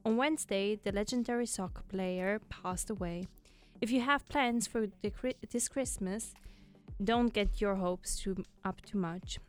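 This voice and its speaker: A woman's voice: mid-range voice, unhurried, clear, resonant tone, faint music behind. A woman co-hosting a student radio show, chatting and reading the news in a friendly, slightly hesitant way.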